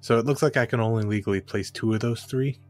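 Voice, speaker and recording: A man's voice: medium pitch, quick pace, soft background music. A man chatting casually at the game table as a player in a tabletop role-playing game.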